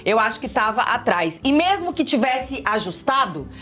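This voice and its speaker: A woman's voice: on the high side, sing-song, moderate pace, a bit bright. A woman commenting on football in a casual panel chat, stressing her points by repeating them. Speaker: sports commentator.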